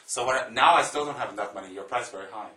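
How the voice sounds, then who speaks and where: A man from Taiwan, a Buddhist monk, giving a slow, emphatic Dharma talk to an audience, repeating phrases and adding joking asides. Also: medium pitch, pushed and bright, reverberant, poor audio.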